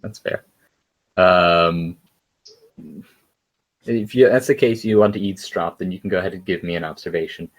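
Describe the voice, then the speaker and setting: A man running a tabletop game as game master, narrating scenes with frequent pauses and fillers. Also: low voice, rough recording. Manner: hesitant, lots of fillers.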